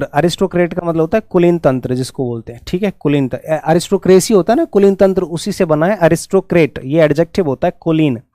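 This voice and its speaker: Brisk male English teacher, Hindi accent. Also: on the high side, dark tone, no echo. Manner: brisk, coaxing students to answer fast. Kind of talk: exam-prep lesson.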